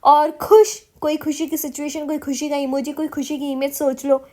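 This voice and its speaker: Woman, from India, English teacher, high voice, Hindi-English mix, encouraging. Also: little pitch movement, moderate pace, darkish tone. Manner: encouraging, addresses viewers as beta; mixes Hindi with English phrases. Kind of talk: Hindi-English mixed lesson.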